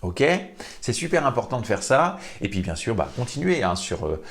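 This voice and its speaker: A man who works as a vocal coach, giving an animated lesson to camera and putting questions to the viewer. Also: lowish voice, normal speed. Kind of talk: teaching video to camera.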